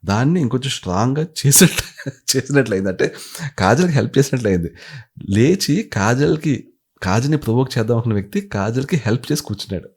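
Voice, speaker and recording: A man's voice: medium pitch, expressive, fast, slightly rough. A man giving a casual commentary review, retelling scenes animatedly and acting out the quotes. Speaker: show reviewer.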